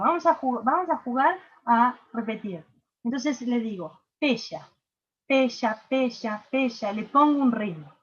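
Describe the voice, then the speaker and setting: A woman with a Uruguayan accent teaches an online workshop, her voice sitting somewhat high. She explains step by step, dropping fillers and asking if everyone follows. The sound is a bit dull and lo-fi, like a video call. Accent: Uruguayan Spanish. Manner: explanatory, frequent filler "este" and checking questions. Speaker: workshop instructor.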